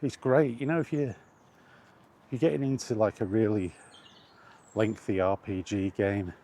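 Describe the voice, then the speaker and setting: A man makes a walk-and-talk vlog outside, chatting loosely with hesitations and frequent self-corrections. He speaks on the low side, dark-toned and steady, at a moderate pace.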